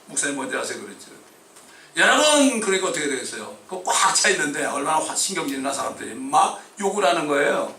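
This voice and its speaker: A male pastor delivers a fervent sermon in a bright, forceful voice that sits a touch high. He swings from calm talk to sudden shouts. The sound is echoey and distant, as if picked up from across a church hall, with faint ambience behind him. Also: fast, hardly any pauses.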